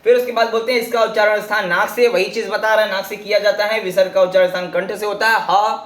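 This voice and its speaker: A man teaching a class lesson, explaining slowly and repeating each word as he spells it out. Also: high-pitched, fairly even intonation, fairly bright tone, roomy sound.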